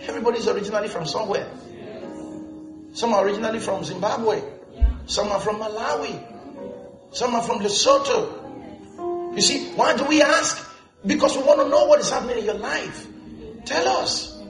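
A male pastor delivers a lively, joking sermon, often turning to the congregation with questions. His voice sits high for a man. The sound is roomy and echoey, with music playing underneath. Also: normal speed, pauses often. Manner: animated preaching with humor and call-and-response questions. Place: church.

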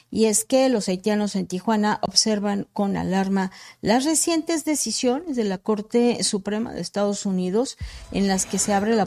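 A woman's voice: mid-range voice, darkish tone. A woman news reporter reading a report steadily, now and then using a filler word. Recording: background noise.

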